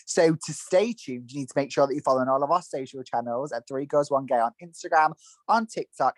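A woman's voice: a bass voice, darkish tone, no echo. A woman, co-hosting a chatty podcast and wrapping up the episode. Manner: chatty, wraps up the episode with show plugs. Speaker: podcast co-host. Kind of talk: casual chat.

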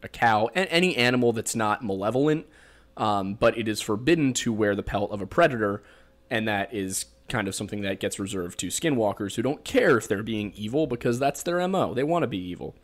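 A man's voice: on the low side, animated, a little fast. A man with a Pennsylvania accent hosting a casual podcast, rambling and joking as he explains folklore with plenty of fillers. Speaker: podcast host.

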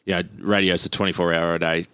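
A man chats casually as podcast host, rambling with plenty of ums. His voice is low and smooth, recorded dry and close. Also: little pitch movement, fast, bright, forceful tone, dry recording. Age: 30s. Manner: chatty, rambling, many ums.

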